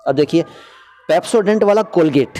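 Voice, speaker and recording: A man's voice: fairly high pitch, expressive, unhurried, mellow. A middle-aged man giving a casual spoken lesson on Hindi and Urdu usage, repeating words to model how they should be said. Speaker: Hindi-Urdu language teacher.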